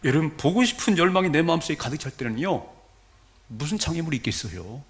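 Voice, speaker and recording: Guy pastor preaching, lively swooping voice, kinda high, acts stuff out. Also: fast talker. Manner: animated, acts out scenes and quotes. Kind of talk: sermon.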